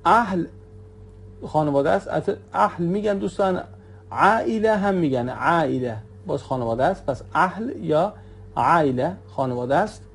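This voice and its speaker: A man with an Iranian Persian accent teaching Arabic dialect words, repeating each word slowly and calling the viewers his friends. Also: on the high side, expressive, vocal fry, husky. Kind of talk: vocabulary lesson with repetition.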